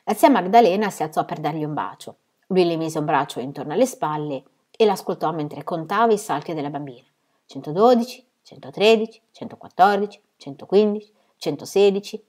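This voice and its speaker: A woman reading a novel aloud in steady, measured storytelling. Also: deep voice. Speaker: reader.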